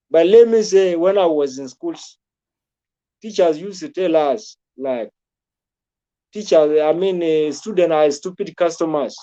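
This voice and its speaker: A man's voice: on the high side, warm tone. Rambling man from South Sudan, dull sound. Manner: rambling, repetitive, with frequent restarts. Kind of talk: casual political talk.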